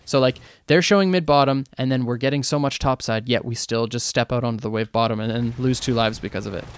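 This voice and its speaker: A man coaching a game team over voice chat, breaking down a replay in a casual, animated way and quizzing the players. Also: mid-range voice, fast, clean tone. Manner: animated, asks the team questions, many fillers. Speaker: esports coach reviewing replays.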